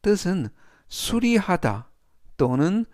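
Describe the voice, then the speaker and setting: Slow, patient male English teacher. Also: sits high, very animated, a little mellow, no echo, studio quality. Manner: repeats each English word slowly, then explains in Korean; formulaic polite lecturing phrases. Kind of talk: slow, deliberate vocabulary lesson.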